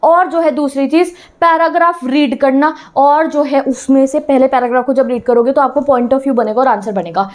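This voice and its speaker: A young woman teacher, giving a chatty, lively exam-prep lesson to students. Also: high voice, moderate pace, hardly any pauses. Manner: lively, chatty, addresses students as brothers and sisters.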